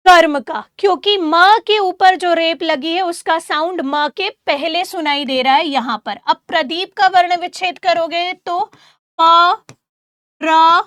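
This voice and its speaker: High bright-voiced woman teacher. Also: dry recording, studio quality. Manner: questions and answers her own questions, drawing out sounds slowly; addresses students as "beta", gives homework. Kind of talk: exam-prep grammar lesson.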